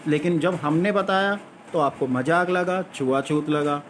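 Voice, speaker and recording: Addressing his viewers, this male vlogger delivers an argumentative lecture, leaning on rhetorical questions and restating his points to drive them home. He talks unhurriedly in a fairly high-pitched voice, and there's slight hiss or hum in the background.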